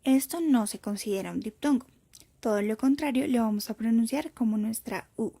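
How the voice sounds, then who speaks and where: A woman narrates a prepared lesson at an unhurried, careful pace, spelling out each point for her students. Her voice sits a little high but sounds mellow and soft. A breathy edge runs through it. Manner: slow, careful explanatory delivery. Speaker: teacher.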